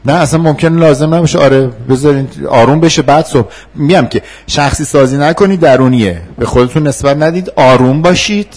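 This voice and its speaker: Husky-voiced man teaching a class. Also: fairly high pitch, darkish tone. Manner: conversational, laughs often, acts out replies to students. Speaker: instructor. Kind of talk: classroom lecture with role-play.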